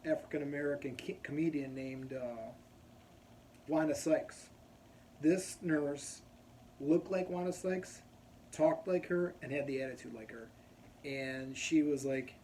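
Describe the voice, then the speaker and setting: A man's voice: a little high, mellow, a little hiss or hum. A man casually telling a long personal story, rambling and going off on tangents. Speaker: vlogger.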